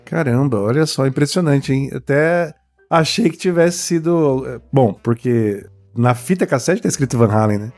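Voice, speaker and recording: Relaxed man reacting in podcast chat. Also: mid-range voice, normal speed, faint music behind. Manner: relaxed, reacting with short remarks. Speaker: podcast co-host. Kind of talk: casual film chat.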